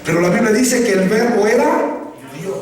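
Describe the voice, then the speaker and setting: Man, preacher, high voice, questioning congregation, far from mic in echoey hall. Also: moderate pace. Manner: questioning the congregation, calls for repetition. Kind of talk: sermon.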